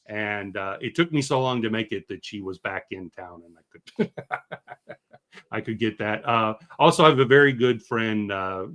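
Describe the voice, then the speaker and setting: An American man in his fifties, a filmmaker hosting a launch chat, talking haltingly with many fillers and restarts. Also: fairly low pitch, fairly bright tone. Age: 50s. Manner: hesitant, full of fillers and restarts. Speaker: filmmaker and host. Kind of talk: casual chat.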